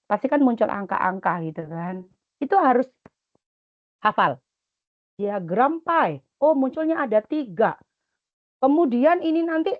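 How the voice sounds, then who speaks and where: Middle-aged woman teacher, Indonesian accent, dull audio. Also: fairly high pitch. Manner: lively, instructive, switches to soft murmured coaching chants. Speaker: webinar speaker, teacher coaching students for competitions. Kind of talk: webinar talk.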